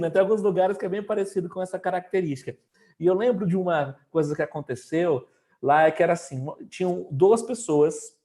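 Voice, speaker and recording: Casual interview guest: high-pitched man, rambling anecdotes. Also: darkish tone. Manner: storytelling, many fillers. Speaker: guest entrepreneur.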